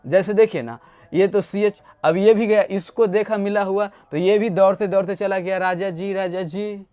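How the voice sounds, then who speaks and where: A man's voice: high-pitched, normal speed, dark tone, smooth. A man teaching an English grammar lesson, explaining playfully and acting out little stories as he goes. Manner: playful, asks rhetorical questions, tells little stories.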